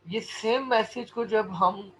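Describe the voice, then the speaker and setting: Man lecturing, slow English read-outs. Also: high-pitched, fairly bright tone. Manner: switches between quick Hindi explanation and slow, deliberate English reading. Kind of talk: recorded lecture. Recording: dull lo-fi recording with faint noise.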